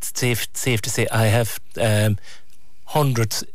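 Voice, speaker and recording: A man's voice: on the low side, fairly even intonation, takes it slowly, no room sound. A man with an Irish accent reminiscing conversationally as an interview guest.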